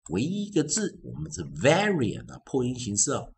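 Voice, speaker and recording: A man teaching English pronunciation, repeating sounds and words slowly and with emphasis in a phonics lesson. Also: mid-range voice, wildly swooping pitch, creaky. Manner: drawn-out, emphatic word drills; self-refers as teacher.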